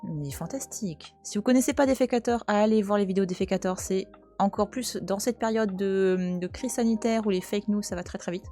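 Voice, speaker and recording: A woman's voice: medium pitch, brisk, hardly any pauses, warm tone, soft background music. A French woman in her thirties, chatting casually and teasingly on a live stream from home, talking back to her chat. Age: 30s. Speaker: Twitch streamer. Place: at home, cat nearby.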